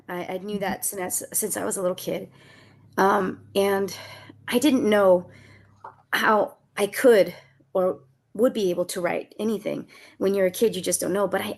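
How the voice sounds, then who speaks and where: A woman author from Southern California, with a medium-pitched voice and vocal fry, chats about her memoir as a guest in a conversational book talk. A little congested from a cold, she tells warm stories and laughs often.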